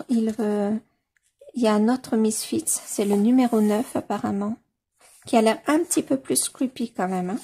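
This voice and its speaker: A woman casually leafing through a coloring book on camera, gushing over the pages with many fillers and slowly sounding out titles. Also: a little high, dark tone, a little hiss or hum. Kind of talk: casual flip-through commentary.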